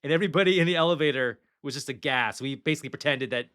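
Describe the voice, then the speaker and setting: Bright-voiced chatty male podcast host. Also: medium pitch, very fast, clear, resonant tone. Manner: chatty, reads trivia off notes, casual swearing. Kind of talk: casual movie podcast chat.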